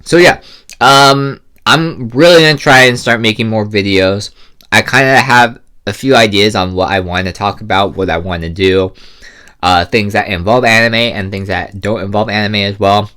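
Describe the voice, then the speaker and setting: A young man with a somewhat low voice talks while he eats, close to a loud mic. He rambles and hesitates, with plenty of "like" and "um." The tone stays casual and unhurried. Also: clean tone. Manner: relaxed, rambling, hesitant with many fillers. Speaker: mukbang vlogger. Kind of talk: casual chat while eating. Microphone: close mic, loud for ASMR.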